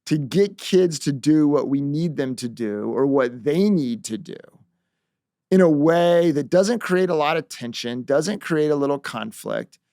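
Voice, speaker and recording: A man hosting a talk on negotiation, telling a family story in an animated, conversational way. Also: fairly high pitch, creaky, no room sound, studio quality. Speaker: negotiation expert, show host.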